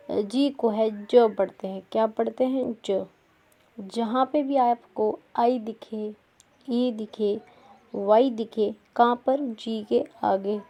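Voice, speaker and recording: A woman's voice: a little high, dark tone. A woman teaching English pronunciation rules, asking and answering her own questions as she goes. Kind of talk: Hindi-language English pronunciation lesson.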